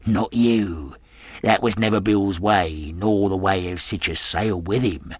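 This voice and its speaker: A man's voice: low voice, measured pace, no echo, studio quality. A man voicing a sinister middle-aged pirate who talks in a half-fawning, half-sneering drawl. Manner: leering, wheedling drawl.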